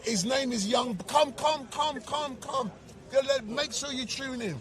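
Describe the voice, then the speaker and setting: A man hosting a rowdy street livestream outdoors in a city park, excitable and repeating his words as he calls people over. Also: very high-pitched, unhurried. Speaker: livestream host. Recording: outdoor crowd noise. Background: crowd chatter.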